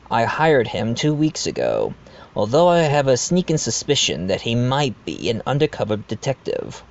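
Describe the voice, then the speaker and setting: A man's voice: mid-range voice, lo-fi sound. A man playing a genteel, blackmailing manor owner who confides in the listener in an amateur audio drama. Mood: wry, confiding. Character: blackmailing manor owner, self-aware, genteel adoptive father.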